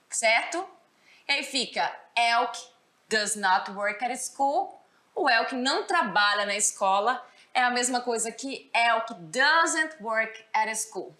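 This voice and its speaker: A Brazilian woman teaching English grammar, her voice high and bright. She explains patiently and keeps checking that the class follows along. The sound carries a roomy echo. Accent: Brazilian Portuguese. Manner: explanatory, checks understanding with "certo?". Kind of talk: recorded school lesson.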